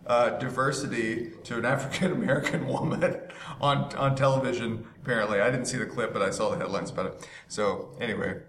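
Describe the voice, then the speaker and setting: A man's voice: mid-range voice, steady tone, fairly quick, fairly bright tone. Male panelist, informal and opinionated, middle register, recorded in a very echoey lobby. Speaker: podcast panelist. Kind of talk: casual opinionated chat. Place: echoing lobby. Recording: echoey lobby, faint background noise.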